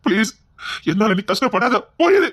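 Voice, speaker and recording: Guy doing stubborn grumpy young lover, tirunelveli accent, curt and scolding, kinda high voice. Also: a little fast, fairly bright tone. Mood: anguished. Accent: Tirunelveli Tamil. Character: young man, gruff, stubborn, pushing his lover away. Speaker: male lead in a comedy skit.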